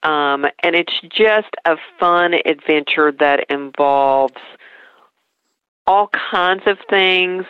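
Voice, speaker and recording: A woman's voice: on the low side, takes it slowly, clear, resonant tone, no room sound, dull audio. A woman with an East Tennessee Southern accent, talking as a guest in a conversational interview. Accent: East Tennessee Southern American. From East Tennessee, United States. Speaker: interview guest promoting a show.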